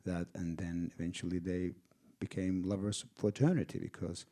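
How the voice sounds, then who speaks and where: A man's voice: sits low, flat delivery, moderate pace, dark tone. A man from Finland with a Finnish accent, a film director answering audience questions in a theater Q&A, hesitant and restarting as he thinks aloud. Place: theater stage before an audience.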